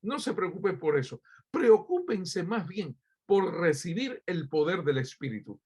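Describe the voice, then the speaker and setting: Husky Cuban-born male preacher. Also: sits high, lively intonation, measured pace, darkish tone. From Cuba. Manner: preaching with frequent hesitations and fillers; addresses listeners directly with rhetorical questions. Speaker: pastor. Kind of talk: sermon.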